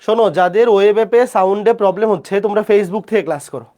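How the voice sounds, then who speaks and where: A math teacher with a Bangladeshi Bengali accent gives a live online class lecture. The teacher has a fever, speaks softly, and keeps checking in with the students. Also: medium pitch, racing.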